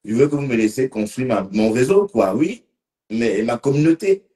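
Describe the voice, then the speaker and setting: A man's voice: medium pitch, expressive, normal speed, warm tone. A man a bit tipsy, rambling casually on a live stream and talking to commenters by name. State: slightly tipsy.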